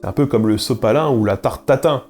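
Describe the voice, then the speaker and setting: A man hosting an educational channel, delivering scripted narration in a brisk way with wry, ironic asides. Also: mid-range voice, darkish tone, soft background music. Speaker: YouTube linguistics host.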